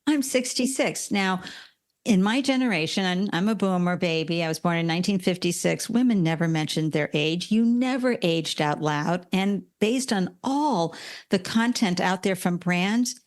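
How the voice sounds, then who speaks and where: Animated woman in her sixties. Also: fairly low pitch, normal speed. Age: 60s. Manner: animated storytelling with quoted voices. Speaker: podcast guest. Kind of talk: conversational interview.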